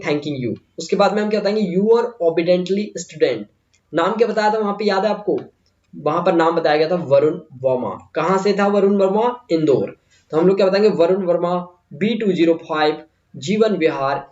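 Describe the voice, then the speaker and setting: Speaking with an Indian accent, a man teaches a step-by-step English exam lesson, repeating phrases and posing questions to himself as he goes. His voice sits high and sounds a little mellow. The recording is muffled and echoes around the room.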